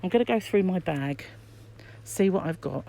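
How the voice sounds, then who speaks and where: The voice is on the low side and warm, expressive, at a moderate pace with some vocal fry, and muffled by a face mask. It belongs to a middle-aged British woman, a crochet vlogger musing aloud in casual, chatty commentary as she shops an aisle. She films on a handheld phone from behind the camera, with shop ambience and background noise.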